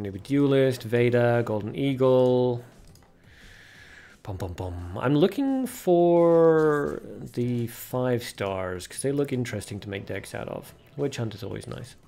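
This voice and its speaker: Gravelly-voiced man streaming a card game. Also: medium pitch, darkish tone. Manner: chatty, reads card names aloud, answers chat. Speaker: livestream host. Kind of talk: casual card-game livestream chat.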